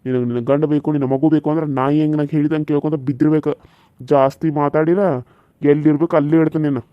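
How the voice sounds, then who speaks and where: A man's voice: on the high side, flat delivery, rapid-fire, clear, resonant tone, dull audio, lightly acted. A man voicing a menacing, cruel husband in a cartoon serial, speaking. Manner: snarling threats, then softly coaxing to his lover. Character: menacing cruel husband, threatens his pregnant wife.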